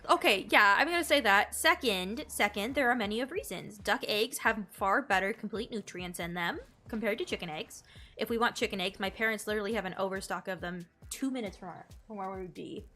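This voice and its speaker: Soft background music accompanies this young female game streamer, who talks to her viewers in a casual, slangy way during gameplay. Her mid-range voice is slightly nasal and congested, moving fairly quickly with a pushed, bright quality.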